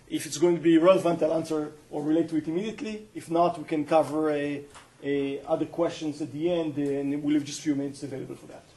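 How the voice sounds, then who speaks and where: A middle-aged company founder with an Israeli accent gives a guest colloquium lecture at a university, captured in a low-quality recording. His voice sits a touch high for a man yet sounds soft and mellow, not bright, and he explains earnestly with frequent hesitations and restarts.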